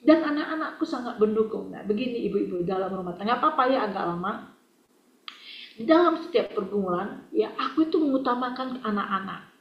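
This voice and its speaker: A middle-aged woman giving an emotional personal testimony to a women's Bible group, fervent, swinging between loud exclamations and hushed asides. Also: medium pitch, animated, brisk. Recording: roomy, dull lo-fi recording.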